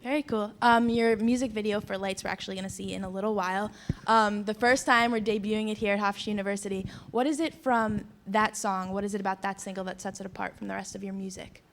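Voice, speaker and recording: A young woman talks quickly as host of a live campus studio program. Her pitch sits in the middle, and she moves through her questions briskly with easy laughter. A faint hiss of noise sits under her voice. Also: steady tone. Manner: brisk and cheerful, laughs easily. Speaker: host of a student studio show. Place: college TV studio.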